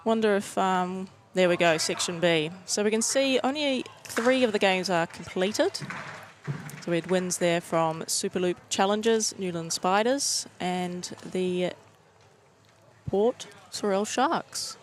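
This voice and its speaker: A woman's voice: lowish voice, a little slow, slight background noise. A woman with a New Zealand accent doing upbeat, chatty live commentary on a sports broadcast.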